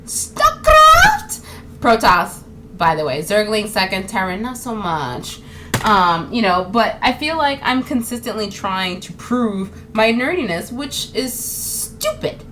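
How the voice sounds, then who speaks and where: A woman talking casually to camera in a vlog, animated and chatty, with lots of fillers. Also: medium pitch, measured pace, background noise. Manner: animated, acts out quoted voices; chatty, with many fillers like "um" and "you know". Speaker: actress and model vlogger.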